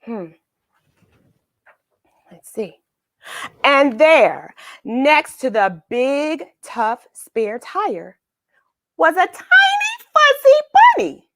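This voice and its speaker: A woman with a high voice hosts a children's read-aloud, narrating a storybook expressively with emphasis, dramatic pauses, and questions for young listeners. The studio-quality recording has no room sound.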